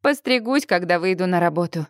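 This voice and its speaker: A woman voicing a calm young man. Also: lowish voice, brisk, smooth, dry recording, studio quality, voice pushed down, natural voice. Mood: reassuring.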